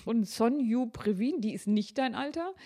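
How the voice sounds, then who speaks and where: A woman's voice: fairly high pitch, lively intonation, normal speed, dark tone, breathy edge. A woman co-hosting a podcast in casual chat, chatty and laughing often as she runs through a list. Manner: chatty, laughs often, lists items playfully. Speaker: podcast co-host.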